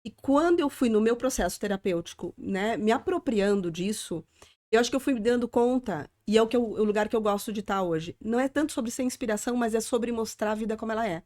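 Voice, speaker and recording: A woman's voice: a little high, lively intonation, fast, darkish tone. A woman from southern Brazil with a Southern Brazilian accent, speaking as an interview guest in an earnest, reflective way, often ending phrases with a questioning tag. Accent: Southern Brazilian (gaúcho). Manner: reflective, earnest, frequent "né?" tags. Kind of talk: conversational interview.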